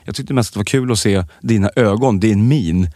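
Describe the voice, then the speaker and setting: A man co-hosting a podcast, telling stories in a joking, animated way. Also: on the low side, dry recording, studio quality. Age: adult with children. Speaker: podcast co-host. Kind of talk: casual podcast chat.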